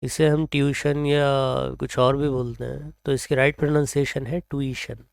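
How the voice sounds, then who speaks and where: A man with an Indian accent teaching English pronunciation, reading example sentences slowly and then explaining them. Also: medium pitch, little pitch movement, gravelly, no room sound, studio quality. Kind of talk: slow explanatory lesson, mixing Hindi and English.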